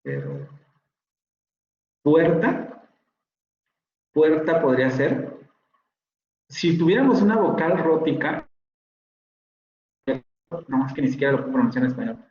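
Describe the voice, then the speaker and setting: A male professor teaches phonetics over a video call, explaining patiently and repeating sample words aloud. His voice sits at a middling pitch. The audio is roomy and a bit dull, with faint background hiss. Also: huge pitch swings, moderate pace, pauses often. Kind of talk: online lecture.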